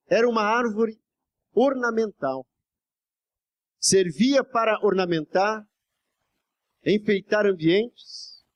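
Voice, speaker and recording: A male pastor preaching with a strikingly high voice, far above most men. He exhorts the congregation fervently, pressing his questions and repeatedly calling on the brothers. It is a live sermon in church before the faithful. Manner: constantly addresses "brothers" and asks for amens.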